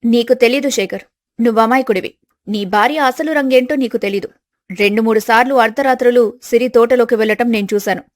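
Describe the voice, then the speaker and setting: A woman's voice: on the high side, brisk, dry recording, natural voice. A woman doing a sneering scheming sister-in-law. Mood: accusing. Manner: accusing, sneering. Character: arrogant scheming elder daughter-in-law.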